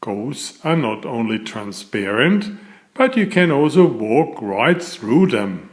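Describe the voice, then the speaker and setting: An author with a medium-pitched voice reads his children's picture book aloud. He narrates in a deliberate, expressive storytelling style.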